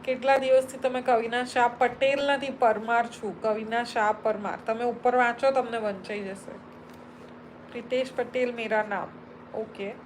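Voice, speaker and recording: A woman's voice: on the high side, fairly even intonation, moderate pace, slight background noise, rough recording. A Gujarati woman hosting a live stream, chatting casually as she reads viewer comments aloud and answers them one by one. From Gujarat, India.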